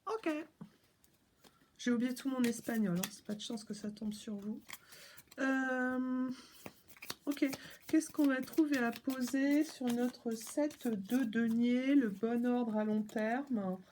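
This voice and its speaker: A woman's voice: a little high, steady tone, slow pace, a little mellow, slight background noise. A woman doing a casual tarot reading at home, chatting playfully and speaking straight to her viewers. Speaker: tarot reader.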